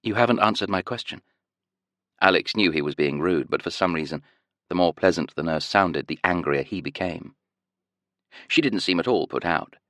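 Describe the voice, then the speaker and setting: A man reading an audiobook in a measured, expressive storytelling manner. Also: low-pitched, no room sound. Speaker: audiobook narrator. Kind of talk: scripted audiobook narration.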